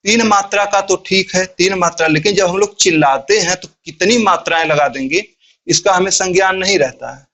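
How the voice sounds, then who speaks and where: A man teaching a grammar class, explaining step by step in a slow, deliberate way and asking questions that he answers himself. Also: high voice, fairly bright tone. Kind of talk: Hindi grammar lesson.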